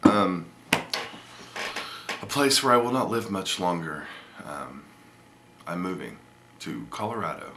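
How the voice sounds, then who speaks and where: A man's voice: low voice, very animated, takes it slowly, pauses often, sharp tone, a little hiss or hum. A man, giving a casual, rambling video update with lots of ums and restarts. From Indiana, USA. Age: 30s. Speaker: vlogger.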